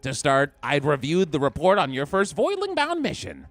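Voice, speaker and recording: Guy doing a snooty nerd scientist voice, high and gravelly, swings all over the place. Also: huge pitch swings, normal speed, a bit bright, no room sound, faint music behind, heavily acted. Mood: smug. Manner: nasal nerd voice, haughty and sneering. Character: pompous snobby male geneticist, nerdy and condescending. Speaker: streamer reading a game character's lines.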